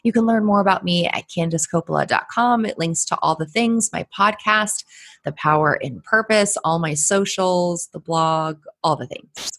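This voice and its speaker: A woman's voice: on the low side, normal speed, a bit bright. A woman from Connecticut, a guest on a casual podcast, confident and matter-of-fact with dry humor.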